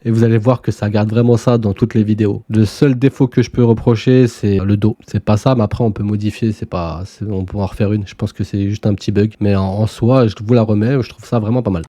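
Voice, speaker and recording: A man's voice: on the low side, dark tone, no room sound, clean studio sound. A man giving a casual, chatty screen tutorial and talking straight to his viewers. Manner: laid-back, chatty, addresses viewers directly. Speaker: tech YouTuber.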